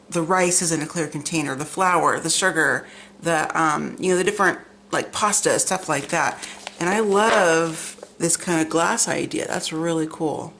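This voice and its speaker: A woman's voice: fairly low pitch, fairly bright tone, a little hiss or hum. A middle-aged American woman chatting casually and rambling through a craft vlog, gushing, with slightly imprecise, tongue-forward articulation. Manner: rambling, gushing over pictures. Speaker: craft vlogger. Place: at home, indoors.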